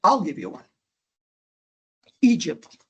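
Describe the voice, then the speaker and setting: A man's voice: high-pitched, takes it slowly, husky. Man, Jordanian accent, university lecturer, emphatic, rhetorical questions, classroom. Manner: animated, emphatic, quizzing the audience with rhetorical questions.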